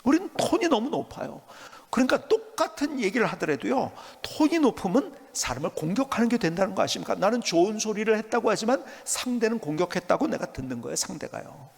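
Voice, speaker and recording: A male pastor preaching a sermon, emphatic and animated, at times dropping to a soft whisper. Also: high voice, a little fast, vocal fry, few pauses, slightly rough, long reverb tail.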